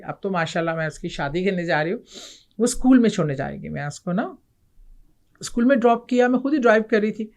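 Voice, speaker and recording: A middle-aged woman from Pakistan recounts a ghost story as an interview guest. She tells it vividly, acting out voices and quotes as she goes. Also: on the low side. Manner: animated, vivid retelling with acted quotes.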